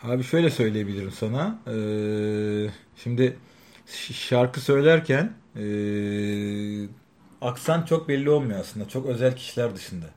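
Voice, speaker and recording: A man's voice: lowish voice, expressive, measured pace, a little mellow. A middle-aged man in casual chat, explaining things in a knowledgeable, matter-of-fact way. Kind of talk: casual chat about music and fashion.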